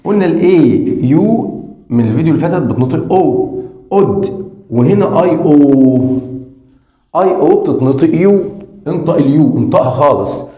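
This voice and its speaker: A man's voice: a little high, animated, lo-fi sound. Egyptian man teaching, echoey room. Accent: Egyptian Arabic. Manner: drills sounds slowly and repeats them, addresses the viewer directly. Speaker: English teacher. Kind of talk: beginner phonics lesson.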